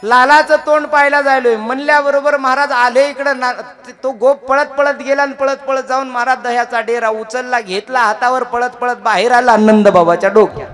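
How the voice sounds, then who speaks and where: A man from Maharashtra preaching a kirtan, telling a devotional story in a lively way, talking to his listeners and calling on them to clap. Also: very high voice, moderate pace, hardly any pauses. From Maharashtra, India. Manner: lively storytelling, addresses listeners, calls for clapping. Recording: clear music behind.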